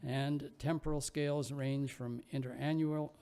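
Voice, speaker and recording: A man chairing a session, introducing the next speaker in a formal, measured way. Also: mid-range voice, level tone, mellow, smooth.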